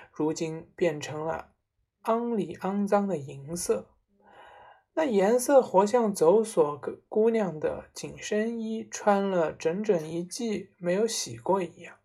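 Husky woman reading a storybook. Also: fairly low pitch, animated, unhurried, dark tone. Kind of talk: storybook narration.

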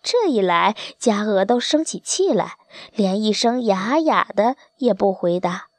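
A woman reading a children's storybook aloud in a gentle, expressive storytelling manner. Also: mid-range voice, a little slow, dry recording, clean studio sound. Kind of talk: scripted children's story narration.

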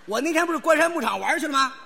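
A man performing crosstalk comedy on stage, boastful and exaggerated, bursting into shouted punchlines. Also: extremely high pitch, lively intonation, racing, vocal fry, in a large hall.

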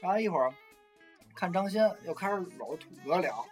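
Man, talk show host, lively storytelling, music playing behind. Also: high voice, fairly quick. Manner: lively storyteller, acts out drunk friend's voice. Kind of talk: casual storytelling chat.

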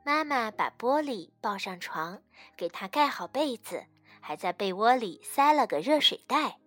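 一位女老师在给孩子讲睡前故事，声音很高、非常明亮，语速很慢，语气轻柔。录音干燥贴近，背景有轻微的音乐。. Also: female voice, a little high, animated, unhurried, no room sound, faint music behind. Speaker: children's story teacher. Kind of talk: bedtime story reading.

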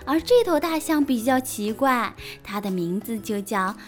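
A woman reads a children's bedtime story in a high, lively voice that rises and falls a lot. She tells it gently, with faint music playing softly underneath. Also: moderate pace. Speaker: storyteller mother. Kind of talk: reading a children's story aloud.

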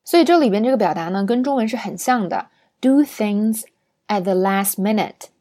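A woman teaching an English lesson, breaking words down syllable by syllable and often checking in with her listeners through a quick tag question. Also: medium pitch, lively intonation, dark tone. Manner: patient, explains pronunciation syllable by syllable. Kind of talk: spoken language lesson.

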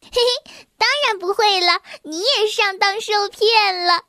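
A gentle young rabbit boy who frets and speaks earnestly, his voice pitched very high, as a woman reading a storybook puts him on. The recording is close and dry, with no room sound. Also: unhurried, no room sound. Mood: teasing. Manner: anxious, earnest.

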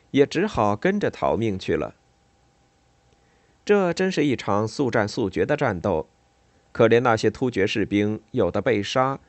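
Brief: male storyteller, animated and dramatic, pitch swinging widely, dry close recording. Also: no room sound. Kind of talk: scripted narration of a historical tale.

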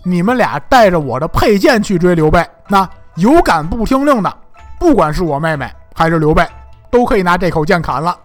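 A man's voice: high voice, very animated, brisk, faint music behind. A man doing a curt, impatient ruler. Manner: curt, commanding.

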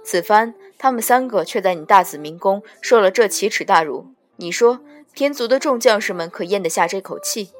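Audiobook: a calm, cold male heavenly prince, measured threats, read by a woman. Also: medium pitch, lightly acted.

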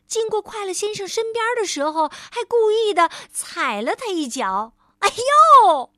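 A woman storyteller reading a picture book aloud to a child, gently addressing the listener as darling. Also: extremely high pitch, expressive, normal speed, no echo, clean studio sound.

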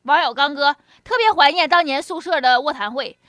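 A woman's voice: high-pitched, a little fast. A woman with a Northeastern Chinese accent hosts a comic monologue in a chatty, folksy manner, telling jokes and anecdotes. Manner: chatty, folksy, often chuckling. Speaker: comedy talk show host. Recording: music behind the voice. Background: music.

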